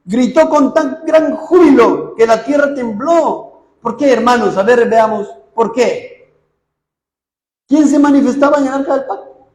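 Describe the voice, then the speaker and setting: A man preaching with a very high voice, firing questions at his listeners and answering them himself. He jumps from loud, urgent bursts to low asides. The room around him rings with echo. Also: measured pace. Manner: questions the congregation, then answers; swings between loud outbursts and dropped low asides. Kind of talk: sermon retelling scripture.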